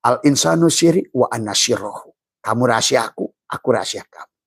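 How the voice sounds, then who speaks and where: A middle-aged man preaching a mystical sermon, chuckling often and breaking into sudden high, loud bursts for emphasis. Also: animated, fairly quick, slightly rough, no echo. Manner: playful, chuckles often between points. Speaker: Sufi religious teacher.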